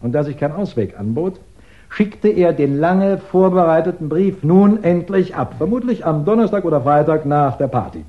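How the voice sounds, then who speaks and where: This actor voices a methodical, confident police investigator in a 1960s German radio crime play. He explains his case in a measured, insistent but polite manner. His natural, fairly high voice is animated, though the audio sounds dull.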